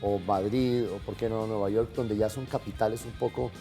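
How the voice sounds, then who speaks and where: A man's voice: on the low side, fairly even intonation, normal speed, mellow, faint music behind. A man hosting a TV magazine show, leading the talk with friendly questions. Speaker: host. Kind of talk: late-night TV magazine chat.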